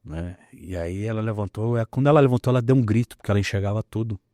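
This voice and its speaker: Man, pastor, animated storytelling, somewhat low voice, dry close mic. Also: quick pace, no echo. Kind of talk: testimony in a conversation.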